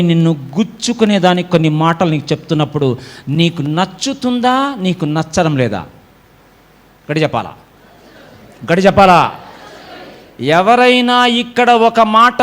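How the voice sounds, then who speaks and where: A man preaching a sermon to his congregation, exhorting them and repeatedly calling for them to answer aloud. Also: sits high. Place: church.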